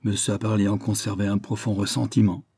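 A man reading a nineteenth-century novel aloud as an audiobook narrator, with steady, even storytelling. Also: fairly low pitch, fairly quick, breathy edge, no room sound. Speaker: audiobook reader.

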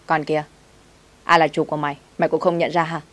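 Casting: a woman reading a gruff, bossy young master, low and scolding, storybook voice. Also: little pitch movement, fast, close to an everyday voice. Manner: scolding, commanding.

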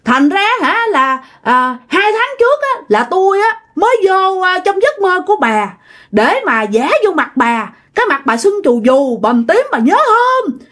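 A woman's voice: high voice, sing-song, moderate pace, fairly bright tone, voice pushed up. A woman voicing the angry ghost of a dead husband speaking through a neighbor woman, ranting and scolding shrilly. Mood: furious.

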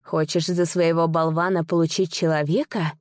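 Old male servant played by a woman, angry, defiant, indignant shouting, low voice, dry sound. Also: level tone, normal speed, no room sound, close to an everyday voice.

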